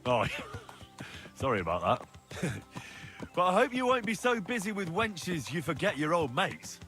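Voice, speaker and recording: A good-humoured young squire from a video game, wry and teasing. The voice is fairly high and bright, very lively, with faint music behind it. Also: male voice, a little slow, full character voice. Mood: amused, friendly. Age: young adult.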